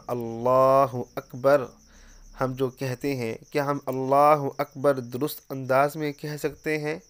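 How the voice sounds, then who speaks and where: A man's voice: medium pitch, clean tone. A man giving an earnest religious lesson on prayer, asking his listeners question after question. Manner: earnest, repeats rhetorical questions. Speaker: religious teacher.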